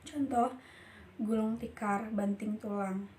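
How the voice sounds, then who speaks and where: A young woman reads her course material aloud like a student presentation, keeping a steady, middle pitch. She sometimes trips over a long word and starts it again. A faint noise sits behind her voice. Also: takes it slowly. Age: young adult. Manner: reads steadily from notes, with small slips and restarts.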